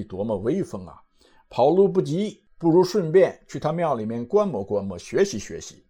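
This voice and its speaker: A man talks through a classic story in a casual, animated way, posing questions and answering them himself. His voice carries a husky edge, and his pitch rises and falls widely as he goes. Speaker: storyteller and commentator. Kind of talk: casual explanatory commentary on a classic novel.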